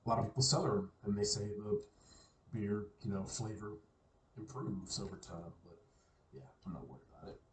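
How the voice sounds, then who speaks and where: A man casually reviewing a beer on his own, relaxed and musing, often repeating words as he thinks aloud. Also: fairly low pitch, normal speed, recorded from a distance, a little hiss or hum, poor audio.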